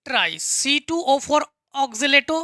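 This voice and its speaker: A woman's voice: sits high, animated, a little slow, sharp tone, dry recording, clean studio sound. A woman teaching a chemistry lesson step by step, patiently asking and answering her own questions and repeating key terms. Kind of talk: classroom lesson explaining step by step.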